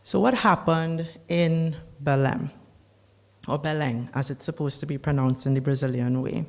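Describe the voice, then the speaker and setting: A speaker giving a formal policy briefing on climate negotiations, measured and deliberate, with the odd dry aside. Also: medium pitch.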